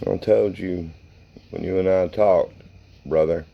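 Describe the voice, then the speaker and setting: A man's voice: deep voice, fairly even intonation, a little slow, creaky, lo-fi sound. A man casually narrating a paranormal session and questioning spirits in a folksy, plain-spoken way. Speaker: paranormal investigator hosting a spirit box session.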